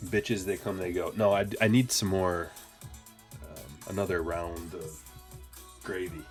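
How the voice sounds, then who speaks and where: A card-break streamer from Michigan with a very deep voice opens packs of cards while playfully riffing with his chat. He rambles and jokes loosely and unscripted, with fairly even intonation and an unhurried pace, as faint music plays softly behind him.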